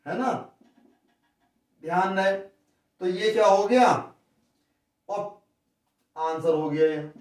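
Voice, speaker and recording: Male maths tutor, western Uttar Pradesh Hindi accent, high pitch, casual step-by-step explaining, recorded in an echoey room away from the mic. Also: takes it slowly, pauses often, far from the mic. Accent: Hindi as spoken in western Uttar Pradesh. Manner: talks through steps, addresses viewers as brother. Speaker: maths teacher. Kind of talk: worked-solution lesson. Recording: roomy echo, off the mic.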